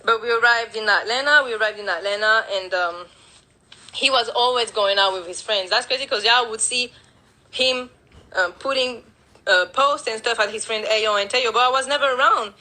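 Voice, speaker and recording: Bright-voiced woman, halting emotional account. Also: a little high, poor audio. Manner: halting, with restarts and quoted dialogue. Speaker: interviewee telling her story.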